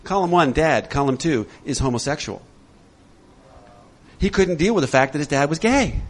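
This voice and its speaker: Lively laughing male workshop speaker. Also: on the high side, normal speed. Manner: animated, laughs often, acts out quoted voices. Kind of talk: talk to a group.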